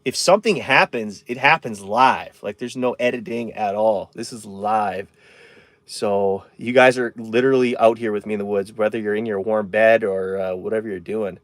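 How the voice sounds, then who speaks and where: A man's voice: on the low side, moderate pace, dry recording. Chatty man streaming from his camper van. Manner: rambling, chatty, reads out viewer comments. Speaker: camping live streamer. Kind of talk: casual live-stream chat. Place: inside a camper van in a winter forest.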